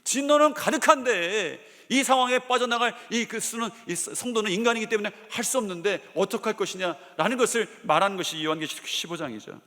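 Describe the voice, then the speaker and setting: A man's voice: high-pitched, brisk, few pauses. A male senior pastor from Chungcheong preaching a sermon, telling stories and acting out the voices of the people he quotes. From Chungcheong, Korea. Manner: lively storytelling preacher, acts out quoted voices and jokes. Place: large church sanctuary. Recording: long church hall reverb.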